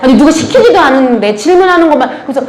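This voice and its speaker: A woman's voice: high-pitched, racing, a crowd in the background, noisy background. A middle-aged woman giving a church training talk, telling stories with lots of laughter. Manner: animated storytelling with frequent laughter. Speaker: church ministry lecturer. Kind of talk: lively anecdotal talk to a church audience. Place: church lecture hall. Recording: roomy hall with faint ambience.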